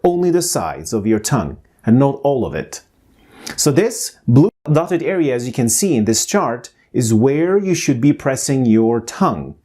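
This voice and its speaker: A man giving a pronunciation lesson as a teacher, saying sounds and words slowly, clearly and with deliberate care. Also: on the high side, warm tone.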